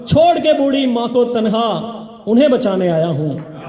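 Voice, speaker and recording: A poet from Haryana reciting patriotic verse on stage at an embassy event. He declaims slowly and repeats each couplet with rising emphasis. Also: very high voice, very animated, warm tone. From Haryana, India. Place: event hall at an embassy, indoors. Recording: echoey hall recording.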